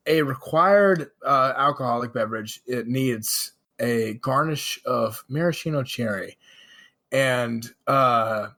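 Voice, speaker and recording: A man's voice: medium pitch, sharp tone. A man at a tabletop role-play table, describing what his character does. He stops and restarts often, padding his lines with fillers and playful asides. His voice sits in a middle register. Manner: hesitant narration with many fillers, theatrical asides. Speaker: player.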